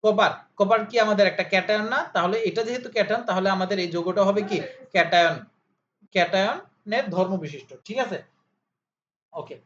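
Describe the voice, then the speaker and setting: Fairly quick and fairly bright, this high male voice belongs to a chemistry tutor running a casual lesson. He asks and then answers his own questions while repeating key terms as drills, over slightly dull audio carrying faint hiss.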